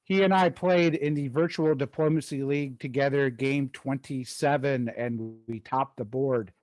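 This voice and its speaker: A man hosting a podcast, interviewing a guest in a halting way with restarts and fillers. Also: mid-range voice, steady tone, darkish tone, no room sound. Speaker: podcast host.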